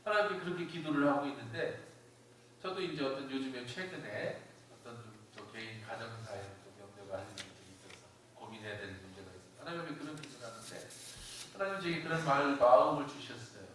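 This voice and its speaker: A man's voice: mid-range voice, brisk, a bit bright. Echoey far-off man preaching. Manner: conversational, emphatic preaching with personal stories. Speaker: pastor. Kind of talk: sermon. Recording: very echoey church hall from a distance with faint hiss.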